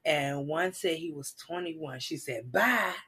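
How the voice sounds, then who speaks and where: An American woman co-hosting a podcast, chatting casually and telling personal stories in an expressive, exclamatory way with a husky voice. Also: sits low, a little slow. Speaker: podcast co-host. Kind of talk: casual chat and personal storytelling.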